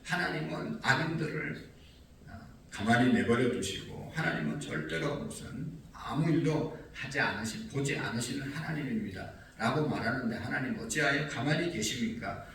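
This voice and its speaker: A man's voice: medium pitch, animated, normal speed, fairly bright tone, slight background noise. Echoey distant male pastor preaching. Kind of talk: early-morning sermon. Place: church sanctuary. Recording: echoey distant mic with faint ambience.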